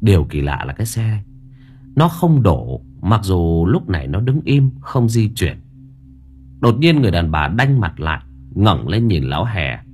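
A male narrator reads an audiobook story. His voice sits fairly low. His pitch moves expressively as he tells the story dramatically. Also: sing-song, a little slow, a little mellow, slight background noise.

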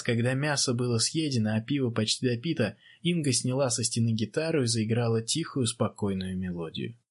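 A man calmly narrating a story in an audiobook. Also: mid-range voice, husky.

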